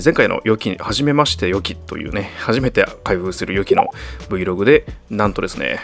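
A man hosting a casual unboxing video, his pitch leaping around as excitement takes over. He laughs and exclaims often between calmer explanations. Soft music plays quietly in the background. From Japan. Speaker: vlogger unboxing toys.

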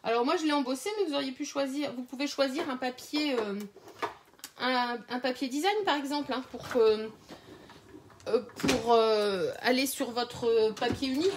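A woman's voice: high-pitched, fairly even intonation, normal speed, noisy background. A woman runs a live crafting tutorial, chatting to viewers with many hesitations and little laughs, recorded on a phone. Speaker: craft demonstrator.

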